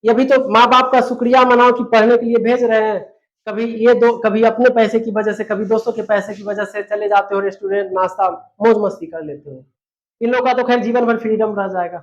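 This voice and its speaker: A man's voice: high-pitched, fairly even intonation, fairly quick, dull audio. A man, an English teacher giving a scolding motivational lecture to students. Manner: scolding, lecturing, rhetorical questions.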